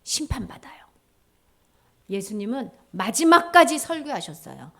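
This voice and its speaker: Animated woman junior pastor telling a story. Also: fairly high pitch, normal speed, gravelly. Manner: animated, acts out voices of the characters. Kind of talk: children's storytelling sermon.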